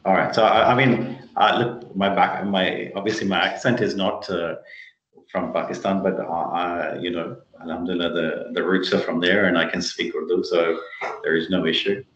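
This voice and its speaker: This chief executive of a tech company, a guest being interviewed over video call, has a low, steady, fairly bright voice at a normal speed. He explains his points with emphasis in a conversational style, and the call audio sounds muffled and roomy.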